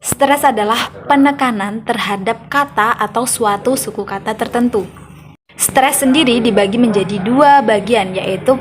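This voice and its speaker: Young woman giving a measured class presentation. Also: fairly high pitch, slight background noise. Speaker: student presenting an assignment. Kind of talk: read-aloud class presentation.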